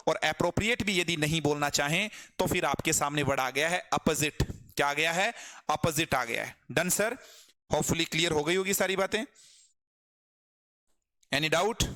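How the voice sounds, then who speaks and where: A man's voice: on the high side, sharp tone. A man with a Hindi accent teaching English grammar in a live online class, explaining patiently, repeating words and quizzing his students.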